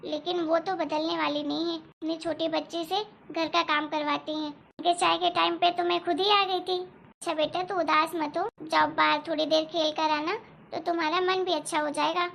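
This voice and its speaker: A woman doing a gentle loving mother. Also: very high-pitched, level tone, normal speed, gravelly, a little hiss or hum, exaggerated voice. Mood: soothing. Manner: soft, soothing. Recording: dull lo-fi recording.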